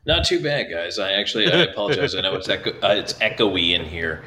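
Deep-voiced man in an echoey room. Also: very animated, quick pace, pushed and bright. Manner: easygoing, wry, self-deprecating. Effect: echoey room sound. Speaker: hockey analyst guest. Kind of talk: casual remote call-in chat. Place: room on a road trip stop for the night. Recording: echoey room, faint background noise.

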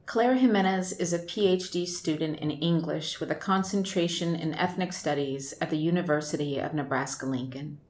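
A woman reading a formal introduction of a guest writer in an even manner. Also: deep voice, moderate pace, hardly any pauses. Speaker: podcast presenter introducing a guest. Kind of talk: scripted bio introduction.

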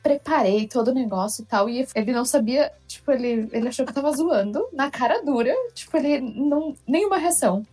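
A woman's voice: high-pitched, fairly quick, hardly any pauses, slightly rough. A young woman telling a personal story in a casual podcast chat, acting out what people said and often repeating herself. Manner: lively, acts out quotes, repeats herself.

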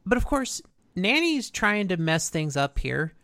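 A podcast co-host recapping an episode in casual, informal and animated storytelling. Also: mid-range voice, unhurried, no room sound.

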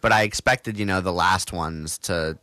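A man's voice: low-pitched, moderate pace, sharp tone, no echo, clean studio sound. A young man hosting a college radio show, chatting casually and telling stories in a rambling, self-correcting way. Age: young adult.

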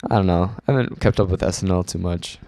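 A young man, a guest on a casual podcast chat, laid-back and joking, often trailing off quietly. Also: low voice, fast, creaky, dry recording, studio quality.

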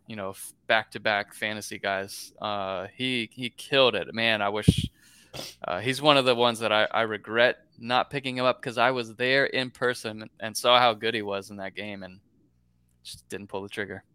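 A man's voice: fairly low pitch, fairly even intonation, normal speed, bright, forceful tone, clean tone, no room sound. A man from central Florida with an American accent, talking sports casually and enthusiastically as a panelist. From central Florida, USA.

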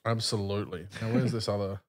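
A man's voice: lowish voice, fairly even intonation, fast talker. An Australian man in his thirties chatting casually as a podcast co-host, crude and slangy, swearing freely in comic banter.

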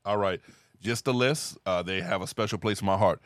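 A man with a lowish voice hosts a podcast in relaxed, talkative chat, quick to laugh. His voice is recorded close and dry, with no room sound. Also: no echo. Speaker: podcast host.

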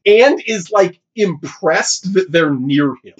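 A man co-hosting a casual movie podcast, animated, jumping into high mock voices for quotes. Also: slow pace, husky, dull audio. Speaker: podcast co-host.

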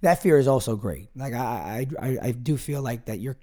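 Young guy on a podcast, warm low-key tone, lots of likes and you knows, earnest. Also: lively intonation, normal speed. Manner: rambling, filler-heavy, earnest. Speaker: podcast guest. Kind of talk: casual conversation.

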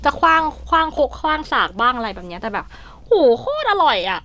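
A woman co-hosting a podcast in casual chat, telling stories in a lively, chatty way. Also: high-pitched, fast talker. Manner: lively storyteller, chatty with fillers. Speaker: podcast co-host.

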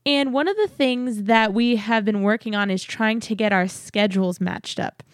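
A woman's voice: medium pitch, normal speed, no echo, studio quality. A woman hosting a podcast, giving listeners a chatty update in a cheery, enthusiastic way. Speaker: podcast host. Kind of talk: upbeat podcast announcement, chatty.

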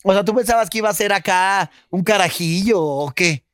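A man's voice: high voice, normal speed, dry recording, studio quality. A man with a Mexican accent joking crudely and mocking his friend in comedic banter. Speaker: guest.

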